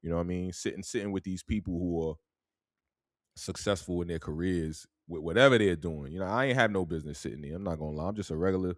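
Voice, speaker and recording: Talking quickly in a low voice, this young podcast host from New York tells a relaxed story in his New York accent, tacking "man" onto his sentences. It's recorded with studio quality and no room sound.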